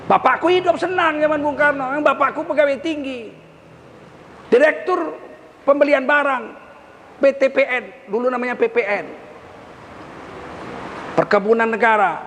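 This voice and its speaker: Older male preacher, high animated voice. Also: big-room sound, a little hiss or hum. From Indonesia. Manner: animated storytelling with quoted dialogue. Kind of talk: sermon.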